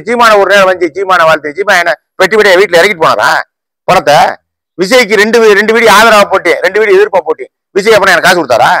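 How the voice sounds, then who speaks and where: A man, a political YouTuber, giving a heated rant to camera in a combative voice full of rapid rhetorical questions. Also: high voice, a bit bright, dry recording, poor audio. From Tamil Nadu.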